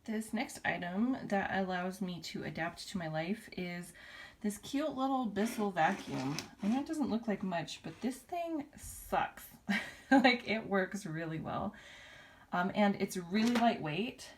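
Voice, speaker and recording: A woman's voice: medium pitch, expressive, measured pace, slight background noise. A woman in her thirties from the United States, chatting casually in a home vlog with frequent ums and laughs, a little winded. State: a little out of breath. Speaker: vlogger. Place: home room.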